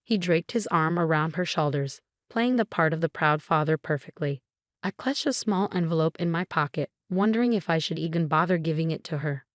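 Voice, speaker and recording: A woman reads a scripted first-person story in an even, measured manner. Her voice sits on the low side and sounds dry and close. There is no room sound around it. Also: no room sound. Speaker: narrator.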